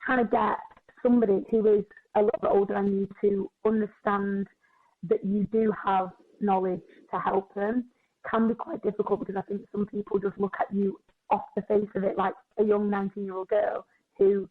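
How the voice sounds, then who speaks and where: A twenty-one-year-old woman, a personal trainer, talking in casual podcast chat, chatty and quick with lots of filler words. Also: medium pitch, level tone. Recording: tinny phone-like sound.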